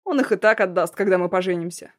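A woman's voice: lowish voice, fast talker, natural voice. Woman reading as a menacing blackmailing young man. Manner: loud, threatening, mocking. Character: menacing young male ex-fiancé, blackmailing and cruel.

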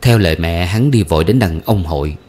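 A male audiobook narrator reading a novel. His voice is fairly low. His storytelling is steady and measured.

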